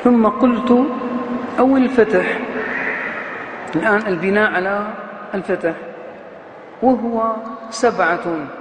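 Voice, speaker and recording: A man teaching a classical Arabic grammar lesson, who repeats and half-chants example words slowly, stressing each syllable. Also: high voice, background noise. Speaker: grammar lecturer. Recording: roomy hall echo, faint ambience.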